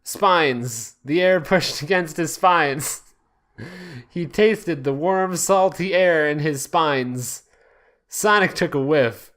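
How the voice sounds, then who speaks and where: Slow and a bit bright, with a fairly high pitch, a man hosting a podcast works through fan fiction in a casual comedic reading. He regularly bursts out laughing and fumbles the occasional word.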